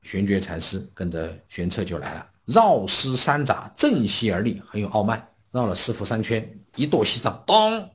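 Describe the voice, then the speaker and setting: A man's voice: fairly low pitch, moderate pace, hardly any pauses. A man giving a Buddhist dharma talk, explaining scripture and telling stories, often acting out the people he quotes. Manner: storytelling, acting out quoted speakers with lively swings. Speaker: Buddhist teacher.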